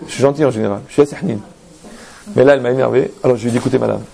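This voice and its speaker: This rabbi's religious talk is full of anecdotes, rhetorical questions and frequent "d'accord?" checks with the audience, delivered in a lively storytelling style. He speaks very fast in a gravelly, medium-pitched voice.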